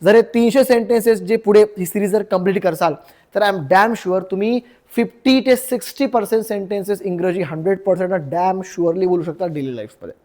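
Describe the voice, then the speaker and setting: A young man teaching everyday English phrases in a casual Marathi lesson, repeating each phrase and drawing the English words out slowly. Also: high voice, darkish tone.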